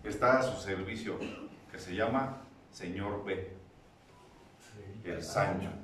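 A man with a Mexican accent giving a crude, comic testimony at a recovery group meeting, mocking and preachy, often mimicking whiny voices in a high pitch. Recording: echoey room, mic at a distance.

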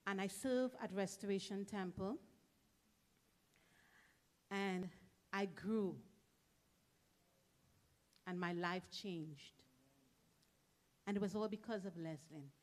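A middle-aged woman delivers a heartfelt eulogy at a memorial service. She speaks in short phrases and leans hard on the key words. Her voice sits at an ordinary middle pitch for a woman. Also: takes it slowly, long pauses. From Trinidad. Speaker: church member giving a tribute.

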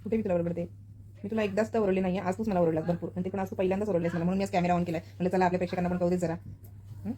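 A woman's voice: lowish voice, level tone, very fast, dark tone. A woman chatting casually and teasingly at home for her vlog, laughing often. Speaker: vlogger. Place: home indoors.

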